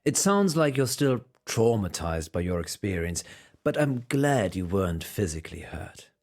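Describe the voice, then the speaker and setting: Deep, suave radio confessor. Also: male voice, sing-song, normal speed, a little mellow. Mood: solemn, reassuring. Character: suave, mock-priestly male late-night radio confessor. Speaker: radio host. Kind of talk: dramatic game dialogue, late-night radio show.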